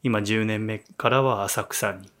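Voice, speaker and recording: A man hosting a casual radio chat from a small bar studio, talking in a playful, teasing way and keeping his voice soft. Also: fairly low pitch, fairly even intonation, unhurried. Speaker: radio show host.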